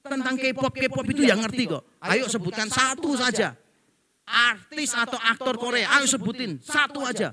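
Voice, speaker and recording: A man's voice: extremely high pitch, normal speed, crowd noise. A middle-aged male pastor, preaching a humorous sermon and acting out the people he quotes. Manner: joking storyteller, acts out quoted people.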